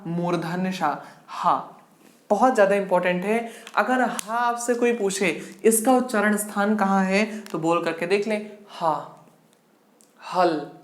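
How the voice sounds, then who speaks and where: A woman teaching a Hindi grammar lesson for exam prep, asking a question and then answering it herself, and drilling sounds aloud slowly. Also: medium pitch. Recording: echoey room.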